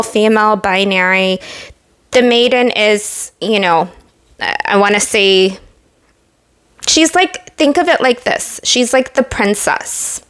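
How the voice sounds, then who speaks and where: Chatty, emotional woman tarot reader, fairly high voice. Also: a bit bright. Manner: chatty, many fillers, emotional and earnest. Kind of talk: casual pick-a-card tarot reading.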